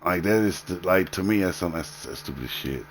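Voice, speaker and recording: Deep-voiced man in a profane rant. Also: expressive, a little fast, slight background noise. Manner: heated, profane, repetitive ranting. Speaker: streamer. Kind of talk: live-stream rant.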